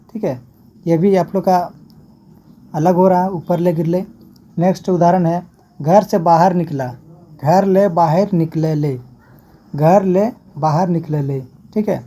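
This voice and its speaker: A woman teaches an exam-prep grammar class. Her voice is very dark and mellow and sits a little low. She goes through the material step by step and repeats every example before moving on. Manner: explains step by step, repeats each example and checks with "ठीक है".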